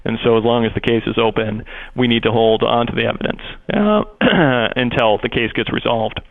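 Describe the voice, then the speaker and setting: A man in the role of a prosecutor talks through procedure on a telephone call, long-winded and hesitant. He speaks at a moderate pace with vocal fry, and the line sounds muffled and low in bandwidth.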